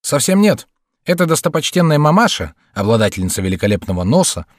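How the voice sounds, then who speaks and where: A man's voice: on the high side, very animated, quick pace, dry recording, clean studio sound, pitched above the performer's own voice. A man voicing a jovial, teasing joker who speaks with mock seriousness in a raised, boisterous voice.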